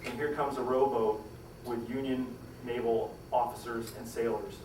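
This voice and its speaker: A man with a darkish, fairly even voice tells a historical story to a live crowd at a moderate pace, dramatically voicing quoted lines with rising pitch and volume. A distant mic in an echoey room catches faint ambience and a little hiss or hum.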